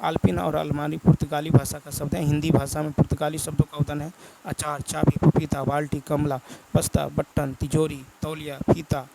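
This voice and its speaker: Gravelly male Hindi exam tutor. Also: fairly high pitch, little pitch movement, normal speed, very noisy. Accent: Bihar Hindi. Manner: reads each question, then repeats the answer. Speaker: teacher. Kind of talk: exam prep lesson going through answers.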